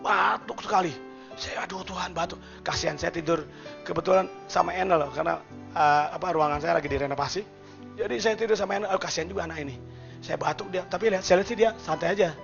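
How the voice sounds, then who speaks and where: High gravelly dude preaching, loud then hushed, dull churchy recording w faint music. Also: male voice, fast talker. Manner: swings between loud calls and soft hushed passages, addresses listeners as "saudara". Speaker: pastor. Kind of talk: sermon.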